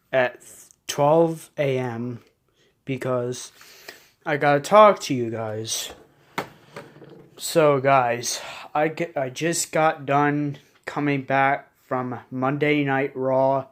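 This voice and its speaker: A young man chatting casually in a late-night home vlog, rambling and restarting his sentences often. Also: mid-range voice. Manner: rambling, repeats himself, frequent restarts. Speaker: vlogger.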